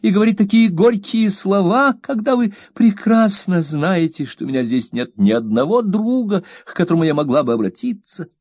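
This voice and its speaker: A man's voice: animated, normal speed, hardly any pauses, a little mellow, no echo, clean studio sound. A man doing a tearful, pleading young mother. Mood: tearful reproach. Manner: high, pleading, reproachful. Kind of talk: audiobook character reading.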